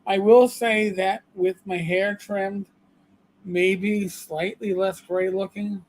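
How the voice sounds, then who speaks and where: In his fifties, this man co-hosts a livestream with casual, rambling chat, self-deprecating and prone to halting restarts. His voice is high-pitched with little pitch movement, and there's slight background noise.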